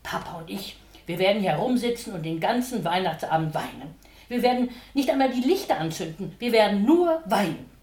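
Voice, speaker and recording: Woman voicing a loving, sorrowful storybook mother, soft and pleading, echoey room. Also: mid-range voice, animated, moderate pace, far from the mic, close to an everyday voice. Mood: heartfelt. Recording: roomy echo.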